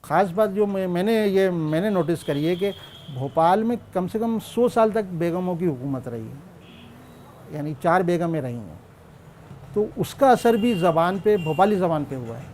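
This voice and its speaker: A man's voice: sits high, animated, moderate pace, a little mellow, slight background noise. A man who speaks thoughtfully in a documentary interview recorded in an indoor room, with small restarts as he talks.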